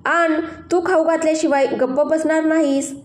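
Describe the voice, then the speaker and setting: A woman voicing a quiet, troubled young husband who speaks softly and briefly, in a storybook reading. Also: high-pitched, fairly even intonation, normal speed, pitched above the performer's own voice, natural voice. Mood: tender. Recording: roomy echo.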